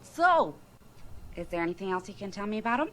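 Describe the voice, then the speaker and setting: An actress playing a patient small-town woman police officer with a Minnesotan accent, asking questions calmly and politely. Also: medium pitch, fairly quick.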